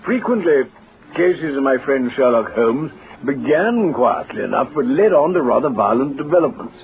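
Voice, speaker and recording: Animated, amiable Doctor Watson, vintage radio. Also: male voice, medium pitch, normal speed. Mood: genial storytelling. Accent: British. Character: Doctor Watson, amiable, eager, slightly flustered gentleman doctor. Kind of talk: old-time radio drama acting. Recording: tinny, hissy old radio recording.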